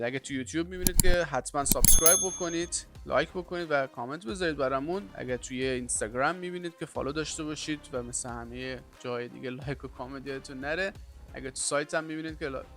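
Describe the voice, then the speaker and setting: A man with a Persian accent teaching an online English lesson in a lively, upbeat way and drawing out his English example sentences. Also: mid-range voice.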